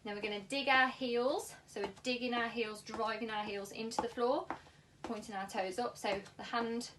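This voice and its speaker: A woman with a British accent giving exercise instructions in a careful, unhurried way, as a class instructor talking to camera. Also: fairly high pitch, steady tone, distant mic. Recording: clearly noisy room ambience.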